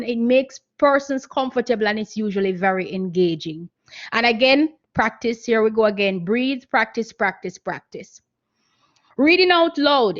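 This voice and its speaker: Woman teaching diction over a muffled video call. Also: on the high side. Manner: earnest, instructive, repeats key points. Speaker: guest speaker. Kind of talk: online seminar talk on voice training.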